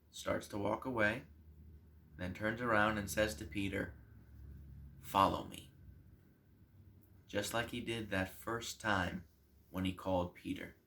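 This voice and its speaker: Slow, bright-voiced male pastor. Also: on the low side, a little hiss or hum. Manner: slow, deliberate storyteller. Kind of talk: Bible storytelling for children.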